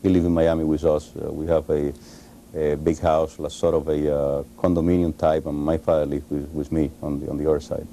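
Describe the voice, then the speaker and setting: A Cuban-accented man in his forties, a Spanish speaker, answering in a TV studio interview, halting with many pauses and restarts, on a lapel mic. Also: a bass voice, level tone, vocal fry, dark tone, slight background noise. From Cuba. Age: 40s. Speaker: interview guest, author.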